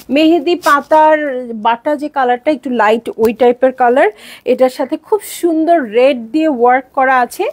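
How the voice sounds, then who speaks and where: A young Bangladeshi woman selling dresses on a live stream, chatty and bubbly, often slipping in English words. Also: high-pitched. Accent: Bangladeshi Bengali. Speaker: online clothing seller.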